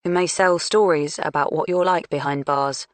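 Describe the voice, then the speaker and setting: A woman reading an audiobook, voicing a calm, firm, businesslike female police detective. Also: low-pitched, moderate pace, no echo, close to an everyday voice.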